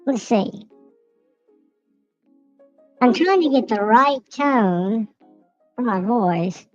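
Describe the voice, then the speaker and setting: A man hosting a casual live stream, his voice run through an app that pitches it up into a chipmunk voice as he greets viewers. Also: expressive, drawn-out words, no room sound, muffled recording, faint music behind, heavily acted. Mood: testing. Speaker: livestream host.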